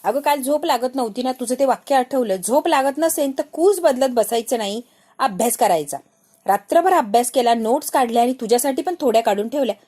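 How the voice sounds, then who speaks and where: A woman's voice: high voice, animated, a little fast, mellow. A woman doing a tearful, loyal college girl. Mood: wistful.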